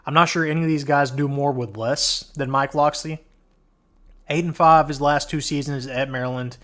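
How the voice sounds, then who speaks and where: A man's voice: on the high side, fairly even intonation, moderate pace, fairly bright tone. A man hosting a college football countdown, talking casually and starting each point with "all right", while he is losing his voice. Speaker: host.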